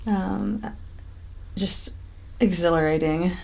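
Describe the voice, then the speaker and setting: A young woman co-hosting a relaxed podcast, speaking slowly in a fairly low voice. She keeps things easygoing and steers the talk with open questions. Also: gravelly. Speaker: co-host. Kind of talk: casual podcast conversation.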